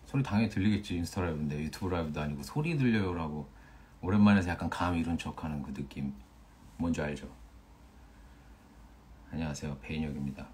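A man's voice: very deep voice, fast, long pauses, darkish tone, a little hiss or hum. A young man in his twenties casually chatting on a phone livestream, playfully reading out viewer usernames and joking when he stumbles over them. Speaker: actor hosting a fan livestream.

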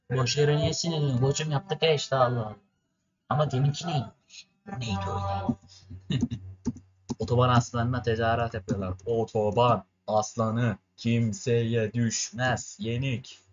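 A man's voice: medium pitch, fairly bright tone, lo-fi sound. A young man from Turkey commentating his racing game for viewers, ranting and cursing at it in frustration. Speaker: gaming streamer. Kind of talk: gameplay commentary.

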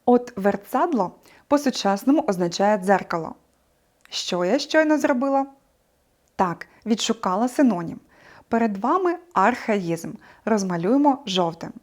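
Expressive woman teacher explaining a lesson. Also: medium pitch, unhurried. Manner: clear, expressive explaining with rhetorical questions. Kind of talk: scripted video lesson.

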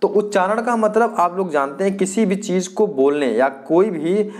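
A man's voice: sits high, lively intonation, moderate pace, a little mellow. A male teacher giving an exam-prep lecture. He repeats his points, asks the class questions and answers them himself, and often hesitates and restarts.

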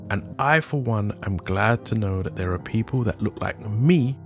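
A man's voice: fairly low pitch, expressive, moderate pace, over music. A man hosting a podcast, narrating history from a script with wry, sardonic asides. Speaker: podcast host.

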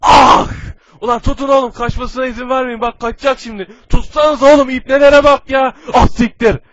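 A brash, combative cartoon hero acted by a man with a very high-pitched voice. He hollers crude slang in a comedy parody dub. The sound is dry and somewhat muffled. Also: steady tone, normal speed, fairly bright tone, no room sound. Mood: furious.

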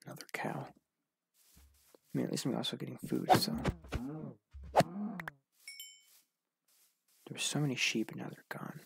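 A man's voice: mid-range voice, very animated, unhurried, gravelly, long pauses, background noise. A man casually commenting on his own gameplay, musing and mumbling to himself. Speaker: let's play gamer.

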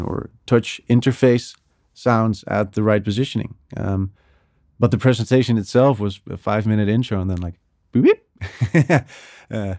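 Guy on a podcast, lowish voice, dry close sound, gets excited explaining stuff. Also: no echo. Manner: enthusiastic, explains with vocal sound examples. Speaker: strategy director at a music agency, podcast guest. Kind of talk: casual interview talk.

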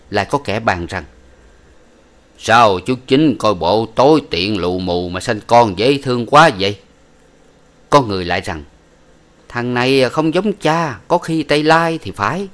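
Male audiobook narrator, fairly low voice, steady and measured storytelling. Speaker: audiobook reader.

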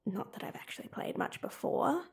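Here the voice actress speaks at a normal speed, sounding close to her everyday voice. She's still voicing the young woman in the audio roleplay who teases her childhood friend and hides a crush, moving between whispered inner thoughts and playful banter, and the mood is giddy and nervous.

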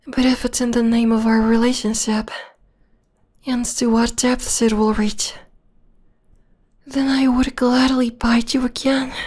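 Soft, breathy and frequently whispering, a woman plays a possessive, obsessive young vampire lover for an ASMR roleplay. Her slightly high voice coos intimately, carrying a sweetly threatening menace.

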